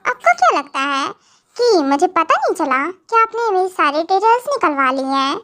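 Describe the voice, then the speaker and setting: A woman's voice: very high-pitched, very animated, normal speed, sharp tone, exaggerated voice. A woman voicing a stubborn, argumentative young woman in a fan audio drama. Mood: defiant. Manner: argumentative, insistent.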